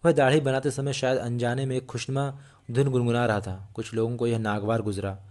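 Guy reading an audiobook, earnest and steady, mid voice, trips on a word now and then. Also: mid-range voice, brisk. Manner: steady, earnest reading with small slips and restarts. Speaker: audiobook narrator. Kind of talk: scripted audiobook narration.

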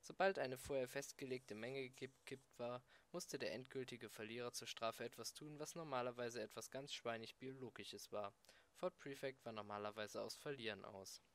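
Brief: male amateur audiobook reader, plain even narration, mid-pitched voice. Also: normal speed.

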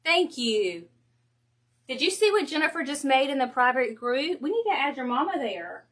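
A chatty woman with a Georgia Southern accent talks casually through a home crafting livestream. Her voice sits a little high and she gushes freely, laughing easily. It sounds like a phone mic in a craft room. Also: very animated, a bit bright. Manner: chatty, gushing, quick to laugh. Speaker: wreath-making host.

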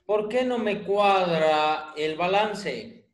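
Drawing out his words in a high-sitting voice, a man runs an online finance class. Calling on students by name, he answers their silence with dry, teasing humor, and the room has an echo.

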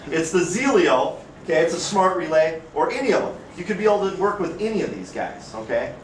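With big pitch swings and a slightly fast pace, this man's high-ish voice carries an Upper Midwest American accent. He teaches in a chatty, casual style, often asking the class things, and there's slight background noise. The sound is distant and echoey, as in a classroom.

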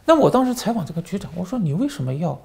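A man's voice: sits high, big pitch swings, rapid-fire, creaky, a little mellow. A man hosting a commentary channel, telling stories animatedly with lots of fillers and repeated words. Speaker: channel host and former journalist. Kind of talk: political commentary monologue.

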